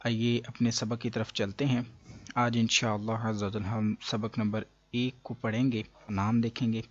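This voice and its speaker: A man's voice: lowish voice, level tone, muffled recording. A man teaching a beginner Quran reading lesson, patiently explaining and drawing out each letter sound. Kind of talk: step-by-step recitation lesson.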